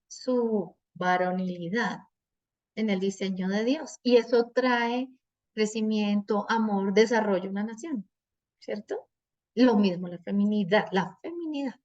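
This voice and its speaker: Animated woman teaching parents. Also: fairly high pitch, muffled recording. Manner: animated, asks "¿cierto?" often. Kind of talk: teaching a parenting class with personal stories.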